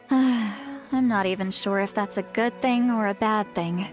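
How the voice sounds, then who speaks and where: A woman playing a composed, compassionate game character who speaks in a measured, solemn way. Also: mid-range voice, faint music behind, close to an everyday voice. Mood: grave, hesitant. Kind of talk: video game voice acting.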